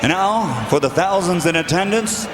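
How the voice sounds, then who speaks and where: A man announcing a boxing match in a showy lucha libre announcer style, booming and stretching out the names. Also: lively intonation, normal speed. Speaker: ring announcer. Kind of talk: formal boxing ring announcement. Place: large indoor arena. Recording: loud crowd noise, echoey arena PA. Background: roaring crowd.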